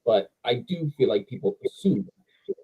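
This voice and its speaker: A man on a live-stream panel talking in an animated, musing way with quick asides. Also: medium pitch, breathy edge. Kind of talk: casual panel chat. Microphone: video call. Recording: dull lo-fi audio.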